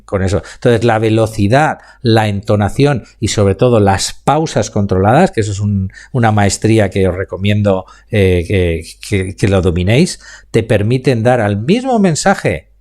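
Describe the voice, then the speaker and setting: A man with a Spain Spanish accent teaching public speaking in a live online class, answering chat questions and slowing down to demonstrate pauses and emphasis. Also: lowish voice, darkish tone.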